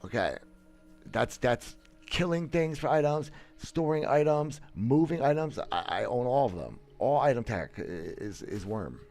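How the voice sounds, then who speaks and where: A gaming streamer in his thirties speaks unhurriedly in a creaky, darkish, medium-pitched voice with big pitch swings. Seated in a small room with a headset mic and webcam framing, he gives casual livestream commentary that's blunt and boastful, marked by many restarts and stammers.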